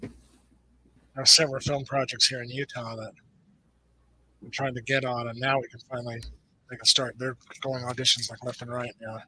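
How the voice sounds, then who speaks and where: A man's voice: medium pitch, normal speed, long pauses, poor audio. A middle-aged man from the United States hosting a casual movie watch party chat, telling stories animatedly. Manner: animated storyteller, acts out quoted voices.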